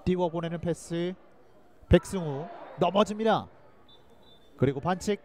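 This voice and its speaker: A man giving live play-by-play football commentary, excitable and shouting out chances. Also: high voice, a little slow, slight background noise.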